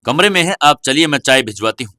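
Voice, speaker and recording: A man voicing a soft-spoken, shy young wife who answers quietly and hesitantly. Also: medium pitch, animated, quick pace, dry recording, clean studio sound. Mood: polite.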